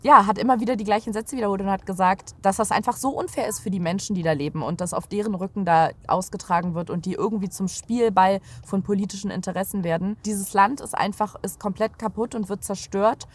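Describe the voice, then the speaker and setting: A woman in her thirties from Berlin, a guest chatting from the back seat of a car and telling stories with lively gestures. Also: medium pitch, quick pace, hardly any pauses. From Berlin, Germany. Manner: animated storyteller, gestures while talking. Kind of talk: casual chat.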